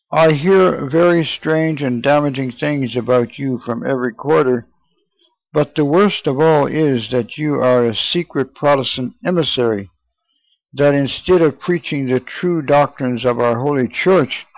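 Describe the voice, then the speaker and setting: A haughty old bishop, cold and scolding, in a dry, close sound, read by a man in his own voice. His words come with scorn but without theatrics, pitched in an ordinary middle range. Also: no room sound, close to an everyday voice, low-quality recording. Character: stern, contemptuous older male bishop.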